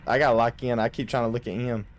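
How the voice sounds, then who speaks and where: A young man giving casual, jokey commentary while playing a horror driving game, slangy and quick to yelp when startled. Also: mid-range voice, steady tone, soft background music. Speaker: gaming YouTuber.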